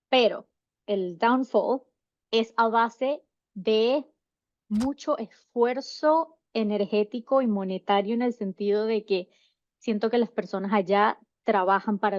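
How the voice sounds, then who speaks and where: A woman's voice: fairly high pitch, no room sound, dull audio. A woman in her thirties with a Venezuelan Spanish accent, chatting as an interview guest and rambling with many restarts. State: seven months pregnant. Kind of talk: casual interview.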